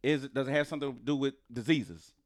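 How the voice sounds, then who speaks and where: A man in a casual podcast chat who swings from low mutters to high, laughing outbursts. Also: fast talker.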